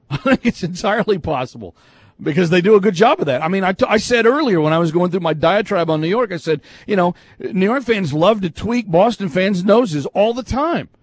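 Man hosting call-in sports talk; opinionated, ribbing the caller, higher-pitched delivery, close and dry. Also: animated, brisk, slightly rough, no echo. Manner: emphatic, teasing, opinionated. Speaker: sports radio host.

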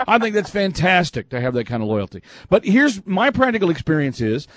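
A man's voice: high-pitched, sing-song, fairly quick. A man hosting a call-in sports radio show, talking in an emphatic, teasing, opinionated way from a studio.

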